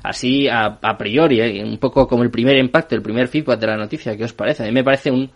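A man's voice: mid-range voice, highs cut off. A man hosting a panel discussion, reading news out and asking the guests for their views. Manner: reads news aloud quickly, leads the panel. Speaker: host. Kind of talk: roundtable discussion.

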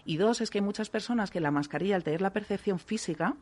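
A woman from working as a voice therapist, calmly explaining things in a radio interview and often checking in with "¿vale?". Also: mid-range voice, fast talker. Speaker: voice therapist guest.

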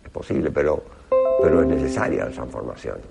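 Gravelly, low-voiced man speaking Spanish. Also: lively intonation, over loud music. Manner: halting, groping for words in Spanish. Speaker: professor, interview guest. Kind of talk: interview answers, explanatory.

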